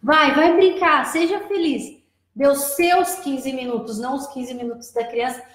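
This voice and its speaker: Woman guest, high voice, explains and repeats key points, roomy echo. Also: measured pace. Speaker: guest, preschool operations director. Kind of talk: live advice chat. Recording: echoey room.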